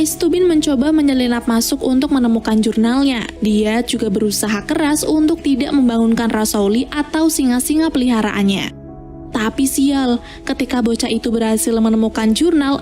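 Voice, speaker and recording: Woman, scripted story recap narrator, high pitch, soft mellow timbre, background music. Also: normal speed. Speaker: narrator of film plot recaps.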